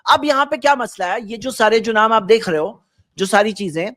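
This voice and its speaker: A man's voice: sits high, expressive, a bit bright, no room sound, clean studio sound. A man giving a religious talk, quoting Arabic and then translating it, and pressing his point with rhetorical questions. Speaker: Islamic preacher.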